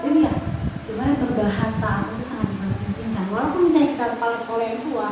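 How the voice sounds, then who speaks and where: A woman's voice: on the high side, quick pace. A woman in her thirties, a school principal, earnestly explaining her decisions in an interview. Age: 30s. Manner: earnest, explains with examples and quoted dialogue. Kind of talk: interview about school leadership. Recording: echoey room, far from mic, noisy.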